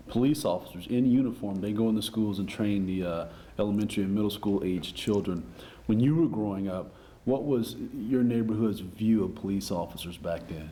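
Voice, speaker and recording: Give me a man with a low, mellow voice asking brief interview questions. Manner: short prompts and quiet affirmations. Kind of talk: casual interview.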